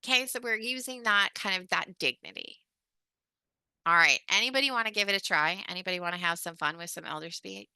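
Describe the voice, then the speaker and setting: Bright, chatty woman trainer. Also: mid-range voice, brisk, clear, resonant tone, no echo. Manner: chatty and informal, heavy on fillers like "um" and "like". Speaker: communication skills trainer. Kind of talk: casual webinar instruction.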